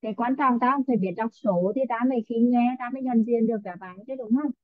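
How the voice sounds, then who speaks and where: A woman's voice: a little high, fast talker. A woman teaching an online English class, coaxing her students and echoing their answers. Her voice comes through a narrow, tinny line with no room sound around it. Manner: coaxing, calls on students, repeats answers back. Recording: tinny phone-like online audio.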